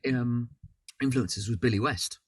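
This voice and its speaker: A man's voice: mid-range voice, moderate pace, husky, no echo, recorded from a distance. A man from London with a London accent, a voice actor chatting in an interview with lots of fillers and asides. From London, England. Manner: rambling, chatty, self-deprecating with many fillers. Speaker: voice actor guest. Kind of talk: casual interview chat. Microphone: video call.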